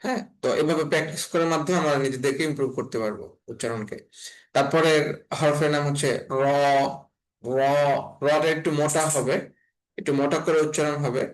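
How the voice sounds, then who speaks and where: Guy teaching pronunciation online, bangladeshi bengali accent, bit high-pitched, says every letter two or three times. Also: low-quality recording. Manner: slow, repeats each sound several times with pauses. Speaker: Quran reading teacher.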